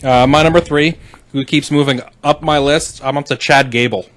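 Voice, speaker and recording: A man's voice: medium pitch, fairly even intonation, moderate pace, fairly bright tone. A young man co-hosting a podcast in casual chat, easygoing and keeping things moving. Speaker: podcast co-host.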